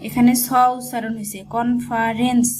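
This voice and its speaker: A woman teaching a shorthand lesson, spelling each word slowly letter by letter as she writes. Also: on the high side, flat delivery, mellow, slight background noise. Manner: slow, spells words letter by letter. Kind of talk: step-by-step dictation lesson.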